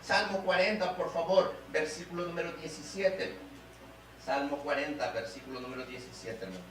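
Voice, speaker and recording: A man with a Mexican Spanish accent preaching a sermon as a guest pastor, swinging between loud appeals and soft, low passages. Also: moderate pace. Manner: preaching with big swings in pitch and loudness, dropping low and soft in prayer. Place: church hall. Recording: echoey church hall, voice from a distance, faint hum.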